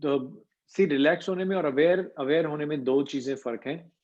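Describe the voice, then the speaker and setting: Here a man with a fairly high but darkish voice talks at normal speed while teaching an online voice class as coach. Each point gets explained, English terms pepper his talk, and the video-call recording is dull and lo-fi.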